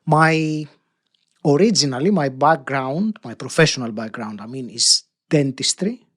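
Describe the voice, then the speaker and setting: A man in his fifties talks through his story at a middle pitch. He speaks in a measured, thoughtful way and breaks into soft laughter now and then. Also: expressive. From Greece. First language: Greek. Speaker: podcast guest, coach. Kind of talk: interview answers.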